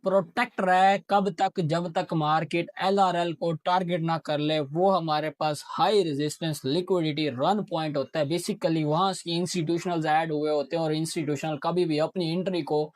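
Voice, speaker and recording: A man's voice: a little high, fairly even intonation, moderate pace, few pauses, no echo. A man, teaching a casual lesson on reading charts, often asking a question and answering it himself. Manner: explains while marking a chart. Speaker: trading teacher.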